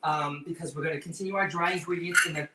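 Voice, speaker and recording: A man's voice: fairly high pitch, fairly even intonation, fast talker. A man from the northeastern United States hosting a casual cooking demonstration with campy, teasing drag-queen patter. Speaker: host leading a cooking segment. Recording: echoey, distant mic with loud background noise.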